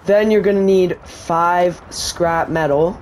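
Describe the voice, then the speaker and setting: Speaking slowly with fairly even intonation, this man's high voice carries a faint hiss or hum. He's a gaming YouTuber doing tutorial commentary, guiding viewers step by step through using an in-game item.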